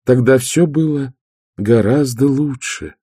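Middle sister, wistful and nostalgic, slow drawl, played by a man, dry husky sound. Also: medium pitch, warm tone, no room sound, pitched above the performer's own voice. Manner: dreamy, drawn-out. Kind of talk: audiobook character voice.

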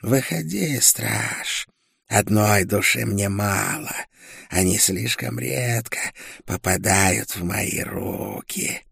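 A man voicing an ancient, cruel female demon spirit who speaks in a slow, gloating hiss in an audiobook. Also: lowish voice, very animated, vocal fry, fairly bright tone, breathy edge, no room sound, studio quality, heavily acted. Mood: menacing. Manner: slow hissing menace. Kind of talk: audiobook character voice.

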